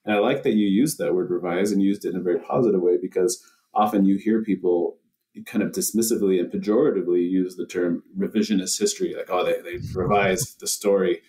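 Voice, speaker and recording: A man's voice: sits low, steady tone, fast talker, warm tone, distant mic. A man hosting a podcast interview, asking long, hesitant questions full of fillers. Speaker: podcast host.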